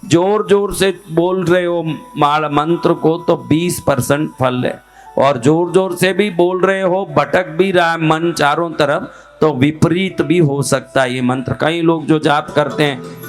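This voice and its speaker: A man giving a devotional teaching talk as a spiritual teacher, putting questions to his listeners and then answering them. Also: fairly high pitch.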